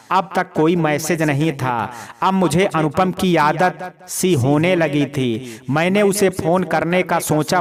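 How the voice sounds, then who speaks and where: Man narrating a story, calm storytelling, very slow pace, fairly high voice, crowd murmur behind. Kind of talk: scripted first-person story narration.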